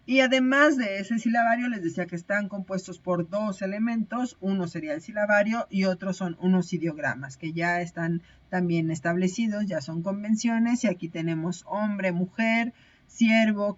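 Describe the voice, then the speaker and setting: A woman's voice: lowish voice, lo-fi sound. A woman teaching a recorded online lecture, explaining step by step with frequent hesitations and self-corrections.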